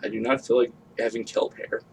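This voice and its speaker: A man joins the stream chat as a friend, tossing out teasing, sarcastic jabs. His voice sits at an ordinary middle pitch. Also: flat delivery, a little fast, a little hiss or hum, low-quality recording. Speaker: co-host friend. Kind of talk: casual chat.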